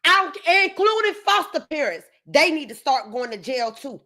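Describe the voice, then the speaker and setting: Lady ranting to her viewers, super high bright voice, keeps saying stuff twice. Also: big pitch swings, normal speed. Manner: emphatic, keeps repeating herself for stress. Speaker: commentary host.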